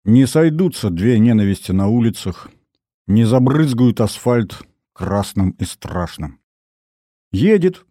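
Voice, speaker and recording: Guy narrating an audiobook, wry and expressive, warm dark voice, dry close mic. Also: on the low side, measured pace, no room sound. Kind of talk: first-person audiobook narration.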